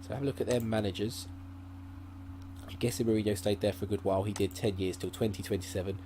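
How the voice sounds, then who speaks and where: Here a man with a fairly low, mellow voice talks fast and flatly as he hosts a gaming channel. His casual let's-play commentary wanders, thought out aloud with many fillers and restarts, captured on a desk mic by his laptop over a faint hum.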